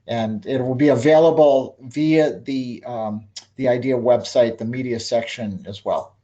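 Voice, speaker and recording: A man's voice: medium pitch, a little slow, warm tone, dull audio. A man hosting an online talk, wrapping up with rambling announcements full of ums and restarts over a video call. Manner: rambling, many fillers and restarts. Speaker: webinar host. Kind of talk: casual closing announcements.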